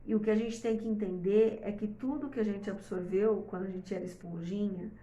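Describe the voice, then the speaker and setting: Here a middle-aged mother gives casual, rambling parenting tips to camera, leaning on fillers and tag questions and often going high in pitch to stress points. She talks briskly in a steady, mellow tone, and the sound is roomy.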